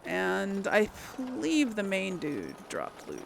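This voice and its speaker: A let's play host with a creaky mid-range voice talks slowly through her moves, her pitch swinging widely as she goes. The background is noisy, and game music plays behind her.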